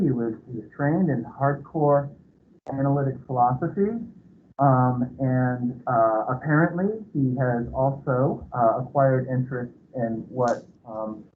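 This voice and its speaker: A middle-aged man introduces a speaker informally as host, halting and hesitating often as he finds his words. His voice is mid-pitched. The recording is narrow like a phone line, with faint noise behind it. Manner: halting, hesitant, many pauses.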